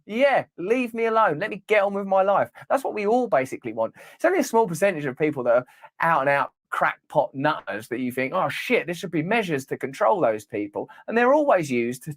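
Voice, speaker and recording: A man with a slightly high voice hosts a comic news commentary, recorded very dry. He reads reports aloud, then riffs on them with animated, irreverent, sweary asides. He often fires rhetorical questions straight at the listener. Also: dry recording. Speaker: commentary show host.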